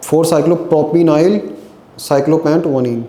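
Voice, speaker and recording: A man's voice: fairly high pitch, moderate pace, dark tone, echoey room. A male chemistry teacher giving a tired classroom lecture. He asks his own questions and answers them, and he mixes English terms into his speech. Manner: speaks Hindi mixed with English terms.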